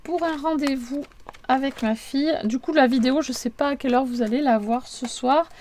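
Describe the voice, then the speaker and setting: A woman's voice: high-pitched, normal speed, darkish tone, a little hiss or hum. A woman giving an informal, step-by-step craft tutorial, chatty and a little apologetic, often repeating and checking herself.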